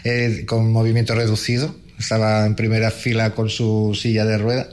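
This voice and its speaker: A man's voice: monotone, moderate pace, a little mellow. A man in his fifties from Menorca, speaking as a guest organizer in an earnest, rambling way. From Menorca, Spain. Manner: earnest, rambling, rises in pitch when keen. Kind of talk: casual interview talk.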